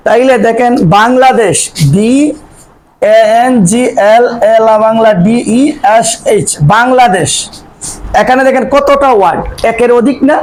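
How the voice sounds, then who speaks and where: A man's voice: very high-pitched, measured pace, poor audio. A man teaching a language class, asking the students questions and answering them himself, repeating key terms. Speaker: English teacher. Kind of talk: classroom lecture.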